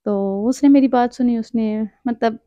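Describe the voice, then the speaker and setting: Earnest young woman, dark dull audio. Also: a little high, no room sound. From Punjab, Pakistan. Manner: earnest, reflective, advising. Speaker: storyteller and author. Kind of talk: personal storytelling. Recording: dull, dry lo-fi recording.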